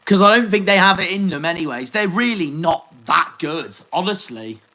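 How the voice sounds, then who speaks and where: This Plymouth-area fan vlogger sounds fuming as he swears through his post-match reaction. He's a young Englishman whose voice sits high and comes out pushed and bright, with lively intonation at a normal speed, all on a rough recording.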